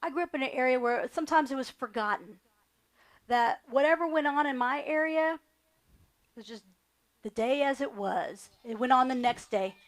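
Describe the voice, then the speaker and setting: A woman's voice: high voice, normal speed. A middle-aged woman, a candidate giving earnest, repetitive interview answers. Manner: earnest, repetitive campaign phrasing. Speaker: candidate for county attorney.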